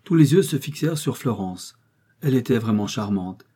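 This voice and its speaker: Husky, dark-voiced male narrator. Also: mid-range voice, expressive, normal speed. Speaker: audiobook reader. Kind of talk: scripted storybook narration.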